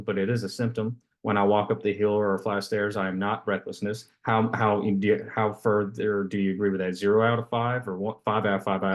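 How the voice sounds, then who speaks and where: A man giving an unscripted lecture. He explains with everyday examples and often restarts his sentences. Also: fairly low pitch. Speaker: respiratory care lecturer.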